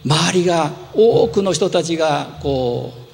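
Gravelly pastor preaching in a reverberant church. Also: male voice, a little high, expressive, measured pace. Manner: earnest, gently explanatory, with rising emphasis. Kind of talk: sermon. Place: church sanctuary. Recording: long hall reverb.

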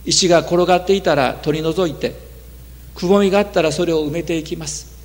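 A man preaching a sermon in a measured way, his voice dropping low at the ends of phrases. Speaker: pastor. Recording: long hall reverb.

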